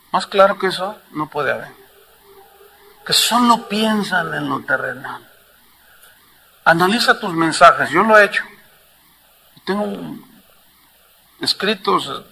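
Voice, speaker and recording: Male pastor, high bright voice, fervent preaching, faint noise behind. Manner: impassioned, shifts from hushed to loud. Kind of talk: sermon.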